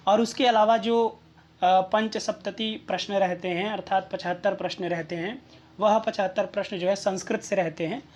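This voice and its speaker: A woman's voice: medium pitch, fairly even intonation, moderate pace, a little mellow. A woman tutor explaining exam questions and answers step by step, checking in with the listener with small rhetorical questions.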